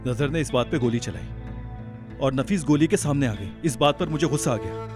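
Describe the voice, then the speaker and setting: एक अभिनेता एक गुस्सैल, ज़िद्दी जवान पति का किरदार निभाता है, ऊँची और तेज़ बहस करता हुआ।. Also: male voice, medium pitch, animated, fairly quick, over music, natural voice. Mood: subdued. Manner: shouting, forceful, argumentative. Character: hot-tempered young husband, proud and stubborn. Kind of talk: television drama acting.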